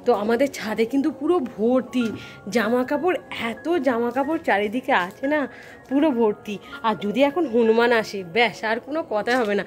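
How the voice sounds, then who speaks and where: A chatty woman with a Bengali accent talks casually to her viewers in a daily vlog. Her voice sits a little high. It is recorded outdoors on a phone with faint music underneath. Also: fairly quick. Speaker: vlogger. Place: outdoors by fields, then at home.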